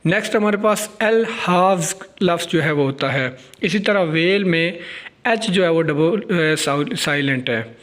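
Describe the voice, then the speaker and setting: High-voiced Pakistani man teaching. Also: expressive, fairly bright tone. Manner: explains each word step by step, reads out the English lines slowly. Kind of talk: explaining a lesson on a recording.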